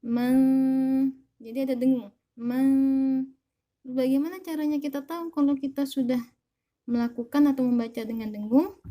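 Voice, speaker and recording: A woman's voice: high-pitched, warm tone. A woman with an Indonesian accent teaching Quran reading, over-enunciating as she carefully demonstrates pronunciation. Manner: over-enunciating, deliberately stretched and stressed syllables. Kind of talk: slow instructional lesson with recitation demonstrations.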